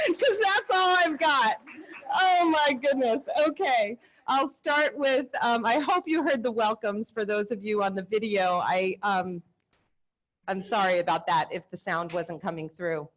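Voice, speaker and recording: A woman hosting a live panel discussion before an audience, lively and self-deprecating as she introduces a guest. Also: high voice, background noise. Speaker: panel host. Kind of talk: panel moderation. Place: event space with audience.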